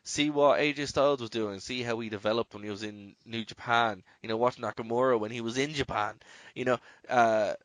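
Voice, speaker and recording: Irish male podcast host, average pitch, rambling casual delivery, dead-dry close mic. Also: fairly even intonation, brisk, fairly bright tone, no room sound. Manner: rambling, leans heavily on "you know".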